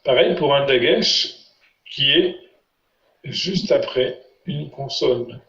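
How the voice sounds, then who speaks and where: A man's voice: medium pitch, takes it slowly, a bit bright. A man teaching a language lesson, patiently quizzing his students. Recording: roomy, muffled lo-fi sound.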